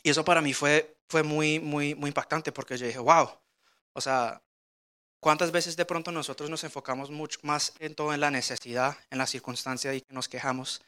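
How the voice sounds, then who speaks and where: Male guest preacher, bright tense voice, halting, repeats and restarts phrases as he speaks. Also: on the high side, fairly even intonation. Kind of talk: personal testimony sermon.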